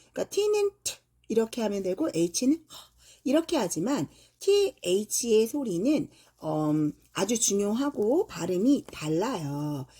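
Slow, patient woman teaching English. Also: medium pitch, dark tone, slightly rough. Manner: slow, patient explaining with fillers and drawn-out example words. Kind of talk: pronunciation lesson.

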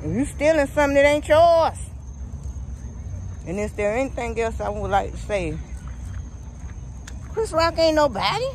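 American guy, pretty high voice, casual walk and talk vlog on a phone, bit of outdoor noise, repeats himself for emphasis. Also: animated, normal speed, pauses often, a little mellow. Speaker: vlogger. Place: outdoors at night, walking. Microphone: phone at arm's length. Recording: outdoor phone recording with faint ambient noise. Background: faint outdoor ambience.

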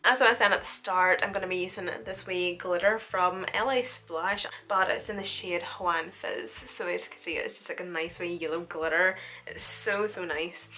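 A beauty vlogger in her 20s chats through a casual makeup tutorial from a small room at home. Her fairly low voice moves at a moderate pace, informal and animated as she tells stories.

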